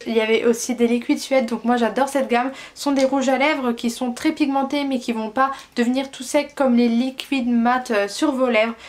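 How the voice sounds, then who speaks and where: A woman's voice: fairly high pitch, fairly even intonation, normal speed, hardly any pauses. A young woman from France chatting enthusiastically through a beauty unboxing, listing each product with frequent fillers. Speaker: beauty vlogger. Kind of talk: casual unboxing chat.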